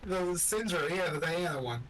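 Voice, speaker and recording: A young man chatting casually with his gaming friend, teasing him in slangy, halting speech. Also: fairly high pitch, expressive, fairly bright tone, slight background noise. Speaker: friend of the host.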